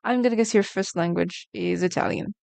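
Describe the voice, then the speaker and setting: A Brazilian artist streamer, a woman whose first language is Portuguese, chats casually on a live stream while she draws, reacting to messages from chat. Her smooth, mid-range voice is a little fast and a little mellow, with no room sound.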